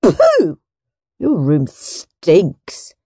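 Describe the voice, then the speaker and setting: A woman voicing a bratty, loud young schoolboy who howls and whines. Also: lowish voice, huge pitch swings, very slow, breathy edge, dry recording, clean studio sound, full character voice. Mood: taunting. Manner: howling, whiny, screeching.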